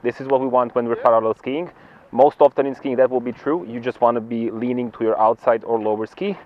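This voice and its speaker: A man's voice: medium pitch, fairly quick. A man working as a ski instructor, explaining technique outdoors. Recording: muffled outdoor recording with background noise.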